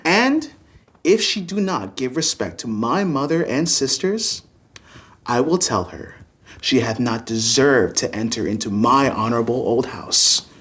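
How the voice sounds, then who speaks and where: An actor playing a domineering, scheming young gentleman suitor in arch, pompous Restoration-comedy style. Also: mid-range voice, lively intonation, measured pace, breathy edge. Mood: pompous, gloating. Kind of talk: Restoration-comedy stage acting, arch period dialogue.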